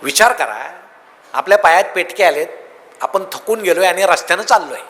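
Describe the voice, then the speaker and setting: A man giving a humorous motivational speech, telling lively comic anecdotes to an audience. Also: sits high, normal speed. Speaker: motivational speaker. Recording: long hall reverb.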